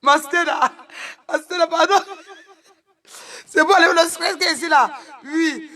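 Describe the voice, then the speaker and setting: A woman doing joking live-stream banter on a phone, loud and laughing, often breaking into shouts. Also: extremely high pitch, steady tone, measured pace.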